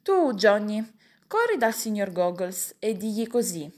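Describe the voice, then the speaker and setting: A woman's voice: mid-range voice, big pitch swings, a little slow. A woman voicing a fussy, bossy middle-aged uncle who barks orders at his household in a storybook reading. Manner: loud, raised, exasperated barking of orders. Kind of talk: audiobook character voice.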